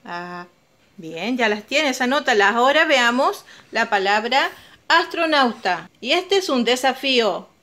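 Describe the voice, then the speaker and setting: High-pitched female teacher, slow stretched-out vowel drills, bright encouraging tone for young children. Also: lively intonation. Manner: stretches out each vowel sound slowly. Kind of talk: children's phonics lesson.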